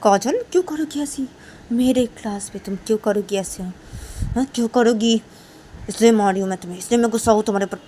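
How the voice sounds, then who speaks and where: A woman voicing an angry, jealous female teacher who scolds and threatens loudly, while telling a story. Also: on the high side, brisk, slight background noise, lightly acted. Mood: scolding. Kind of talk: storytelling role-play.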